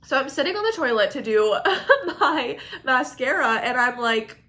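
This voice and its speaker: A young woman with a bright, clear-toned voice chats casually to camera about beauty products. She rambles frankly, piling on "like" and "I don't know" as she goes. She is expecting a baby. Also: sits high, very animated, normal speed. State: pregnant. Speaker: beauty vlogger. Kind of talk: casual chatty product review.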